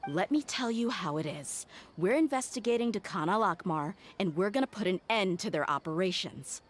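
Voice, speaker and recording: A woman's voice: mid-range voice, expressive, normal speed, faint music behind, close to an everyday voice. An actress playing a tough, blunt mercenary woman in a video game, speaking in a curt, commanding, dry manner. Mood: stern, threatening. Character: tough, blunt female mercenary, cool and threatening. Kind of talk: scripted video game dialogue.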